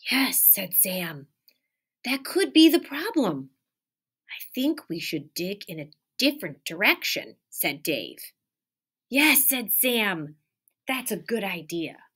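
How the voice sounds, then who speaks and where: A medium-pitched, husky, fairly bright voice carries this very animated, slow picture-book reading. The speaker is an elementary teacher in her thirties who adds asides, stresses key words and prompts young children with questions, in a small indoor room by a window.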